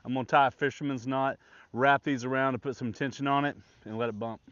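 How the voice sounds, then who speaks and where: A man's voice: mid-range voice, steady tone, fast, fairly bright tone, no room sound. A man chatting casually and easygoing to camera as he works at a campsite in the open, out in windy conditions. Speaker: outdoor camping vlogger. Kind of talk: casual chat to camera while working. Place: outdoors in the open by a pond in gusty wind. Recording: dull, lo-fi outdoor camera audio.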